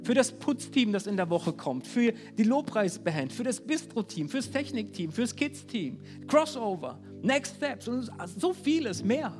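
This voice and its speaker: A male pastor preaching a sermon at a church service, earnest and animated, speaking directly to the congregation. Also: very high voice, unhurried, few pauses, over music.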